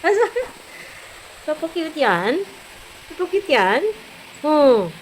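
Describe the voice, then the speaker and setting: A woman's voice: a little high, animated, slow pace, a little hiss or hum, rough recording. A woman from the Philippines, feverish and unwell, vlogging at home and coaxing her cat in playful baby-talk with frequent giggles. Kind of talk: casual home vlog talk. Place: at home indoors.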